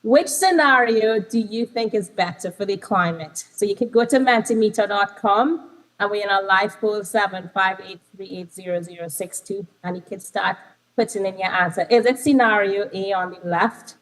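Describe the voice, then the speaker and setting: In a low-quality recording, a Trinidadian woman lectures at an interactive conference session held over video call. Her pitch is medium and her speed normal, and her chatty delivery, in a Trinidadian accent, is sprinkled with ums and self-corrections.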